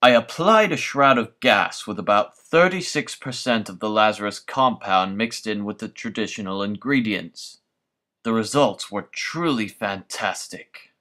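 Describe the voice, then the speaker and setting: A man's voice: lowish voice, pushed and bright. A man voicing a menacing scarecrow villain, a sadistic, grandiose mad scientist delivering a theatrical, pompous monologue. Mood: gloating, clinical. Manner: menacing scarecrow voice, slow, pompous, florid and deliberate.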